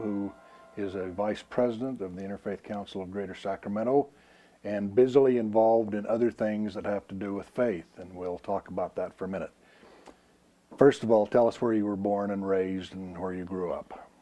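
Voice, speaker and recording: A man's voice: fairly low pitch, steady tone, normal speed, dark tone. A man hosting an interview program, asking plain, direct questions. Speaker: host.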